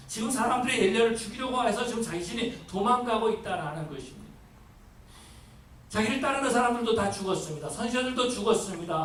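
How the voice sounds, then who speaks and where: A male pastor preaching a sermon, rising to emphatic pleas and dropping to a hush. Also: high voice. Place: church sanctuary. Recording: echoey church hall, mic at a distance, faint hiss.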